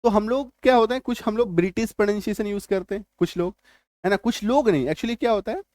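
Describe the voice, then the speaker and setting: Male tutor, high voice, dry close sound, repetitive explaining style. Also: darkish tone, no echo. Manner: repetitive, checks in with "है ना" and "ठीक है"; spells words out letter by letter slowly. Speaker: English teacher. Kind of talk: spoken lesson to viewers.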